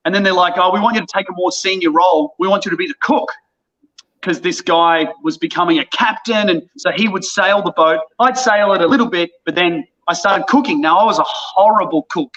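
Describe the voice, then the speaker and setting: With the high frequencies cut off, this recording features a high-pitched Australian man in his thirties. As a podcast guest chatting casually, he tells a story with real animation and performs the voices of those involved.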